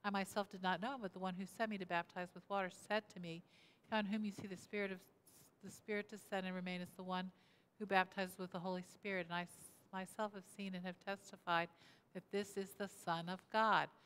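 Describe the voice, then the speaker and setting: A woman in her sixties, a pastor at a lectern in a church sanctuary, gives an interactive sermon, asking the congregation questions and repeating their answers. Her mid-range voice is fairly bright, her delivery flat and a little fast. A lectern mic and a mid-distance camera capture the reverberant hall, with slight background noise.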